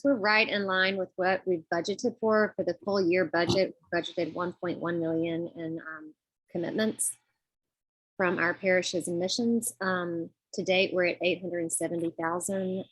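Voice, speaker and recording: Female committee presenter, slightly low pitch, dry close sound, polite, halting, informal delivery. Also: fairly even intonation, a bit bright, slightly rough, no room sound, low-quality recording. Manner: polite, informal, hesitant with frequent pauses. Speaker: finance committee treasurer presenting budget report. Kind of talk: semi-formal financial presentation on a group call.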